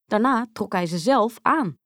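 A woman narrating a children's fairy tale in a slow, expressive storytelling manner, recorded dry and close. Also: medium pitch, no echo.

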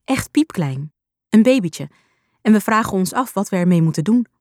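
A woman's voice: mid-range voice, lively intonation, normal speed, darkish tone, no room sound, clean studio sound, close to an everyday voice. A woman voicing a caring mother. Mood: polite. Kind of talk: storybook reading.

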